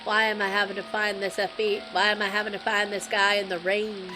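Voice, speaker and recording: A woman's voice: medium pitch, flat delivery, a little fast, over music. A woman streamer chatting wryly to her viewers as she plays a game live. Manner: chatty, wry asides to viewers.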